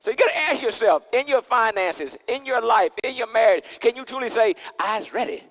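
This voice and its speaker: A man's voice: very high-pitched, lively intonation, brisk, a bit bright, long reverb tail. A man preaching a sermon into a pulpit microphone, emphatic and repetitive, with casual vernacular and call-and-response. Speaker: pastor.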